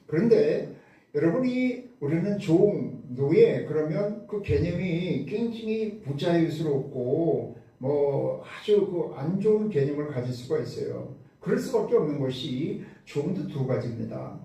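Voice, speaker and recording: A man's voice: on the high side, expressive, a little slow, mellow. A man preaching a sermon as pastor. He is emphatic and often asks questions that he answers himself. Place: church sanctuary. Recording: very echoey hall, voice from a distance.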